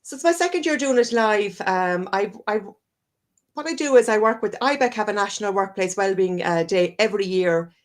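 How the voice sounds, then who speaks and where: An Irish wellness coach from Ireland speaks earnestly and at length as a guest on a live-streamed video call interview, often circling back and correcting herself. Her voice is mid-range, expressive, and a little fast.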